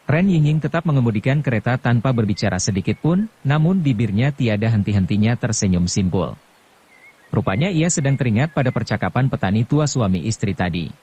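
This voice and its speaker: A man narrating a martial arts novel as an audiobook, in a steady, calm storytelling manner. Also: medium pitch, fairly quick, slight background noise.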